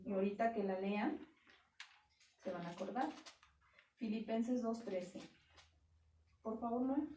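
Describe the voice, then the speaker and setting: High-pitched woman preaching in an echoey church. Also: unhurried, pauses often, mellow, a little hiss or hum. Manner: earnest, emphatic teaching, quotes scripture aloud. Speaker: pastor. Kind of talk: sermon. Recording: echoey church hall, heard from a distance.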